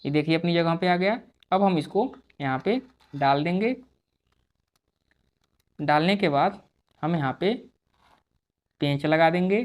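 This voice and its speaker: A man's voice: fairly high pitch, measured pace, long pauses. A man hosting a repair tutorial, explaining each step patiently as he works and often calling his viewers dear friends. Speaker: repair video host.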